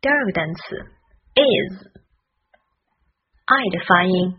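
A woman teaching English pronunciation in a careful lesson, spelling out letters and modeling each sound slowly. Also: on the low side, expressive, husky. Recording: dull, lo-fi recording.

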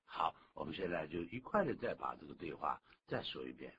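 A man co-hosting a radio English lesson, explaining phrases and jumping up in pitch when he demonstrates them. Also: fairly quick. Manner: animated, exaggerated pitch jumps when demonstrating. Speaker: English teacher, co-host. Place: radio studio. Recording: dull lo-fi radio recording, faint hiss.

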